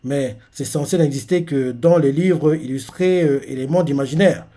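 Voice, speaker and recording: A man's voice: fairly high pitch, normal speed, dark tone, close to an everyday voice. A man reading aloud the lines of a food-loving young woman, with hesitations. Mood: matter-of-fact.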